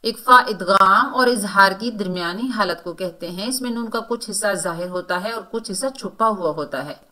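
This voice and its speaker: Woman tajweed teacher, bright clear tone, patient step-by-step explaining. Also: mid-range voice. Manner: explains rules step by step, then recites words slowly and drawn out. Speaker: Quran recitation teacher. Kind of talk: tajweed lesson, explaining and reciting.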